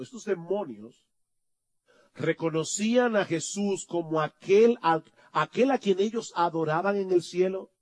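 A male pastor preaching a sermon, asking rhetorical questions and swinging from quiet to loud. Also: a little high.

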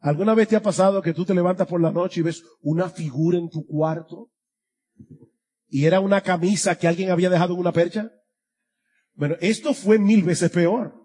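This pastor's voice sits high and sounds mellow with a breathy edge, and he moves at a brisk clip. He earnestly preaches an expository sermon, his voice swelling and dropping to drive points home.

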